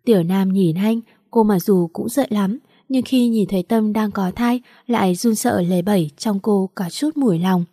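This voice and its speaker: A woman's voice: mid-range voice, moderate pace, dark tone, no room sound, clean studio sound. A woman narrating a romance novel as an audiobook, telling the story steadily.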